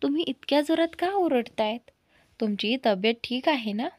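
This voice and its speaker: A woman voicing a caring young woman who speaks with gentle concern. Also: sits high, expressive, normal speed, no room sound, studio quality.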